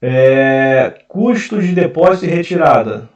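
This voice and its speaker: This investment channel host, a Brazilian man with a Carioca accent, sounds a little high and unhurried, with lively intonation. His casual screen-share explainer is hesitant and full of fillers and restarts, captured on a distant, dull mic in a roomy space.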